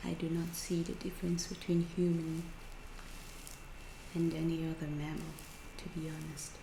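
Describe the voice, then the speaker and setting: Speaking in a low, soft voice that often drops to a breathy whisper, a woman voices a curious, calm alien researcher for ASMR roleplay. Her phrasing is slow, halting and deliberate, with a detached, clinical tone. The recording has roomy echo and faint noise behind it.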